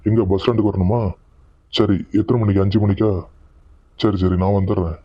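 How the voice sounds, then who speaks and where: Man voicing a fast-talking cartoon son. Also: lowish voice, little pitch movement, no room sound, close to an everyday voice. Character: young husband and son, hurried and defensive. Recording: dull lo-fi dry audio.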